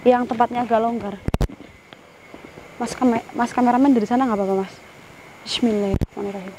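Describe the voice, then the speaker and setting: A woman's voice: on the high side, steady tone, fairly quick, noisy background. A woman vlogger hunting ghosts outdoors by a river. She directs her cameraman, recites Islamic prayers, and sternly orders a spirit to show itself and leave. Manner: some prayers muttered in a whisper. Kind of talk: paranormal summoning vlog.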